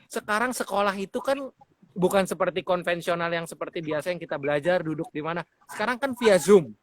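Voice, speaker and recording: A man's voice: sits high, fairly quick, no echo. A man hosting a radio talk show, chatting casually with his guest and telling anecdotes. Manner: chatty, tells anecdotes, addresses guest often. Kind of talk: casual interview chat.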